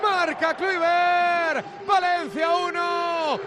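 A man from Spain with a Spanish accent doing breakneck live football goal commentary, shouting drawn-out, repeated goal calls. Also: extremely high pitch, flat delivery. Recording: very noisy stadium, roaring crowd. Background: loud stadium crowd.

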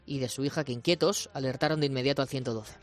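A man presenting a news story on the radio in a clear, storytelling way. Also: mid-range voice, fast. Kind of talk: scripted news narration.

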